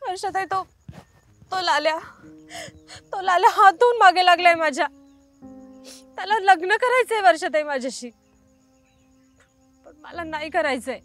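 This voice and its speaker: A young actress playing a sharp, scornful village woman who stands up to a stalker. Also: very high voice, moderate pace, pauses often, faint music behind. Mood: crying. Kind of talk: web series acting.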